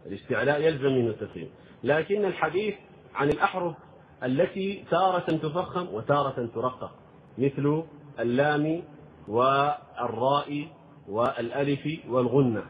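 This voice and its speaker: A man teaching the rules of Quran recitation in a measured lecture, demonstrating sounds and questioning his students. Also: fairly high pitch. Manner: explains slowly, demonstrates pronunciation, asks students questions. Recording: tinny lo-fi phone-like recording, faint noise.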